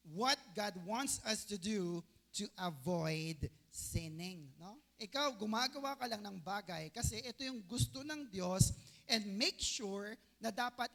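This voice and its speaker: A man's voice: sits high, fairly bright tone. A Filipino man preaching a sermon as pastor. He mixes Tagalog and English, explains the meanings of words, and keeps asking the congregation for an amen. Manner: Tagalog-English mix, calls for amens from the congregation; teaching by repetition, explains word meanings.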